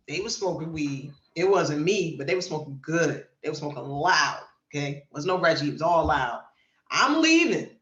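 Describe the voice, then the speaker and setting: Speaking low in an echoey room, this podcast co-host reads out news stories and reacts with animated, emphatic storytelling. The recording has its highs cut off, and the chat stays casual and emphatic.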